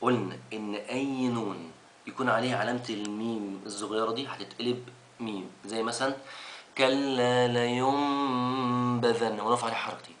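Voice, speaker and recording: A man teaching Quran recitation rules, rushing through recaps and stretching out the recited verses slowly. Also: fairly low pitch, fairly even intonation, fairly bright tone, reverberant, slight background noise. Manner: quick recaps broken by slow drawn-out recitation of verses. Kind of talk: tajweed lesson recap.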